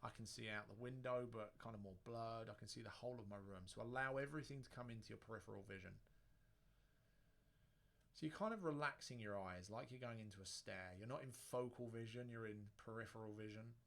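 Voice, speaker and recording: A man's voice: fairly low pitch, a little fast, creaky, a bit bright. A man giving a guided relaxation lesson in an informal, conversational way, as a breathing instructor. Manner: informal, conversational, with joking asides. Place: indoor room near a busy road. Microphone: microphone within arm's reach, facing a screen.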